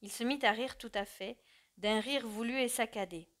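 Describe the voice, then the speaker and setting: A woman's voice: fairly high pitch, moderate pace, fairly bright tone. Woman narrating a classic novel. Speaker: audiobook narrator. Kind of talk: literary audiobook reading.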